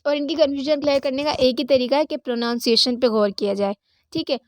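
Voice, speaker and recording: A woman teaching an English grammar lesson. She reads the English example lines slowly and carefully and often checks in with her listeners. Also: high voice, no echo. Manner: slow, deliberate reading of English example lines, checks in with "theek hai?". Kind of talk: grammar lesson in Hindi-Urdu.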